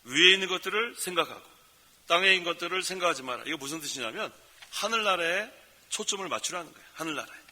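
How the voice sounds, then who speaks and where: A male pastor preaching in an emphatic, folksy way, with sudden loud exclamations. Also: high voice, animated, quick pace, big-room sound. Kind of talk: sermon. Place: prayer retreat center hall.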